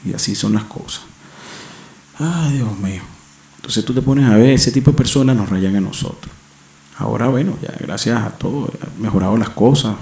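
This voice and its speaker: A Venezuelan man talks on in a loose, slangy, profane monologue, often breaking off and starting over. His voice sits low, dark and gravelly. It is recorded on a home mic in a roomy, echoey space. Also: normal speed. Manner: rambling, slangy and profane, with many restarts. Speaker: podcast host. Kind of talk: casual monologue. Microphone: home microphone setup.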